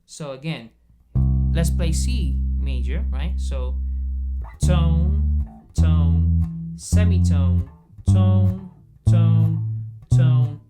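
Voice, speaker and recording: A man teaching bass guitar in a casual video lesson, explaining patiently step by step and checking in often. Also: expressive, extremely slow, pauses often. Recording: bass guitar playing between phrases.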